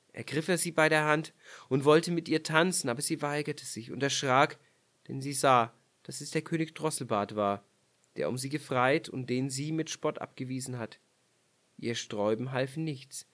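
A man narrating a fairy tale aloud in a measured, expressive storytelling voice. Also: fairly high pitch.

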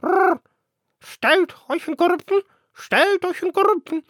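A man's voice: very high voice, slow, a bit bright, no echo, studio quality, voice pushed up, full character voice. A man voicing a fussy mother pigeon who coos and gives bossy instructions.

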